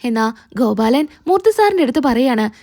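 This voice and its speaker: High-voiced woman retelling a drama. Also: sing-song, gravelly, darkish tone. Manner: quick retelling that voices quotes in passing. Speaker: serial recap narrator. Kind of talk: spoken story recap.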